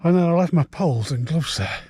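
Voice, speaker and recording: A man, filming himself on an exposed fell and chatting casually about the route, rambling and unhurried with frequent hesitations. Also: a little high, expressive, husky, no room sound. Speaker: hillwalking vlogger. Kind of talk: casual walking commentary. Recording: loud wind noise on the mic. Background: gusting wind.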